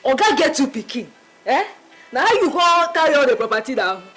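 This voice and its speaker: Animated, high-voiced mocking Nigerian woman. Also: fairly quick, soft background music. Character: sceptical, mocking female co-worker in a Nigerian film. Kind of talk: dramatic film acting in Nigerian Pidgin.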